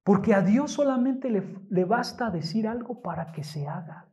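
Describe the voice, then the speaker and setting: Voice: medium pitch, animated, normal speed, darkish tone. A preacher delivering a sermon to a congregation, stressing key words and asking rhetorical questions. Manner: emphatic, rhetorical questions, addresses congregation often. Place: church.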